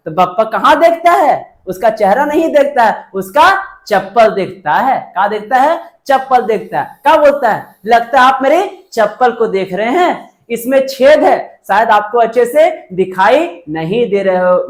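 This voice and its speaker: A woman teaching a university lecture. She mixes textbook phrasing with casual speech, asks herself rhetorical questions and repeats each point twice. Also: fairly high pitch. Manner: mixes textbook Hindi with colloquial local speech.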